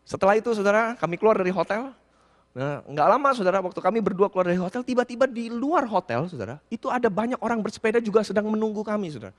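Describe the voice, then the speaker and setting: A male pastor telling a humorous story in a sermon, animated and slipping English words into his speech. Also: high-pitched, fast, in a large hall.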